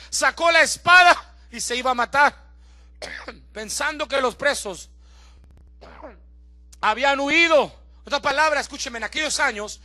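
Male preacher, very high voice with a sharp edge, jokes with the church then builds up loud. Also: dry recording. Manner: joking asides with the congregation. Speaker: pastor. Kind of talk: sermon. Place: church service before a congregation.

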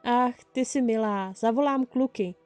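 A woman doing a loud, warm motherly witch. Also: fairly high pitch, no room sound, soft background music, lightly acted. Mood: delighted. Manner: effusive and fussing.

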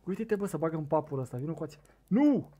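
A young man with a Romanian accent giving casual commentary on a fishing game, excitable and talking to his viewers, on a desk microphone set too loud. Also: fairly high pitch, slightly rough. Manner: excitable, shouts bursts at the game, talks to viewers. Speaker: gaming streamer.

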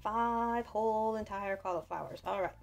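Woman, casual gaming commentary, playful, thinking aloud, creaky, mid pitch, faint music. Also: moderate pace. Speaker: gaming video host. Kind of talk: casual let's-play commentary. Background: faint game music.

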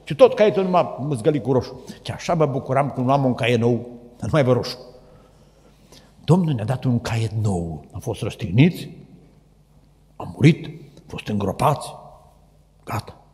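A man with a Romanian accent preaching a sermon, telling stories and acting out the voices, swinging between loud and hushed. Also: mid-range voice, expressive, long pauses. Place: church hall. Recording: echoey church hall.

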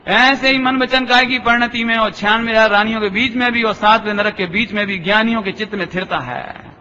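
A man with a high, fairly quick voice, sharp in tone and fairly even in intonation, gives a sermon with parables as a Jain scholar. He tells stories, acts out the voices in his anecdotes, and keeps asking the audience rhetorically whether they have understood. The recording carries a slight hiss or hum and sounds dull and echoey, like a lecture hall.

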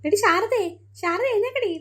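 Woman doing a shrill frantic cartoon mom. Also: moderate pace. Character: anxious fussing mother. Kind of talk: cartoon voice acting.

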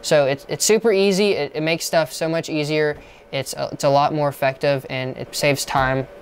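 A young man gives a casual, matter-of-fact tour of a small, dark broadcast control room and explains the equipment step by step. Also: a little high, fairly even intonation, moderate pace, slight background noise. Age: young adult. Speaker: church video technician giving a tour.

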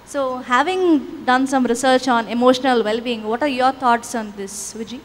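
A woman's voice: sits high, normal speed, slight background noise. A woman moderating a conference panel, posing questions to panelists into a handheld mic. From India. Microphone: handheld microphone.

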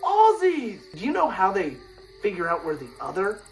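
A woman teaching a lesson for young children, slowly repeating each key word in a sing-song way. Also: mid-range voice, huge pitch swings, distant mic. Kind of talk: educational lesson for young kids. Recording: music playing behind the voice.

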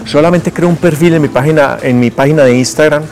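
A man's voice: fairly high pitch, fast, a little mellow. A man in his forties, a guest giving emphatic motivational advice in an interview, recorded on a lapel mic outdoors in a garden set. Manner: emphatic, lecturing, gestures as he talks. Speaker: guest entrepreneur speaker.

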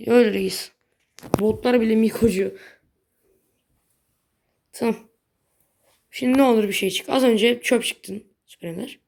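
A young woman with a fairly high voice talks through her game as she plays, in loose, chatty commentary. She is blunt and quick to grumble, tossing out mild swears when things go wrong. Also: gravelly, darkish tone. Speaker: gaming video creator. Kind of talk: casual gameplay commentary.

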